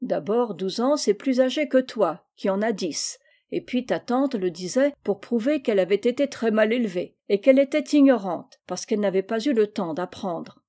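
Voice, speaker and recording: A woman's voice: medium pitch, lively intonation, normal speed, dark tone. A woman reading aloud and voicing an indulgent, doting noblewoman mother in a storybook, speaking tenderly and coaxingly.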